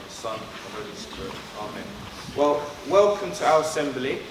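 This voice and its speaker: A man from London, born in Trinidad, leading a school assembly and speaking earnestly and directly to pupils. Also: medium pitch. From born in Trinidad, raised in London. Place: school hall. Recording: echoey hall, far from mic, background noise.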